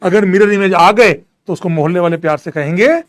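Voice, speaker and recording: Male chemistry teacher, high voice, animated, repeats and quizzes constantly. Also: fairly quick. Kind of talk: classroom lecture.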